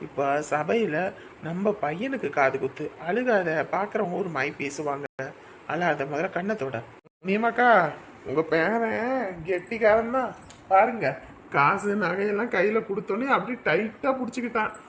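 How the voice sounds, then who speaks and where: A woman's voice: mid-range voice, expressive, moderate pace, slight background noise, close to an everyday voice. An actress playing a woman who runs a family ceremony, directing and soothing others. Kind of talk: village family drama acting.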